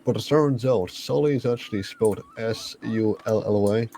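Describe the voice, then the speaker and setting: A man's voice: on the low side, normal speed, warm tone, slight background noise, lightly acted. A man playing an easygoing Irish frontiersman. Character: Irish frontiersman, plainspoken, good-humored, man. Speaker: roleplay character. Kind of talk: live roleplay.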